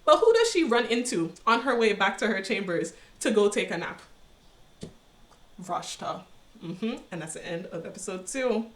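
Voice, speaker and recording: A woman's voice: medium pitch, big pitch swings, normal speed, reverberant. A woman recapping a series in casual, sassy commentary, with chatty laughing asides. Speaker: recap host.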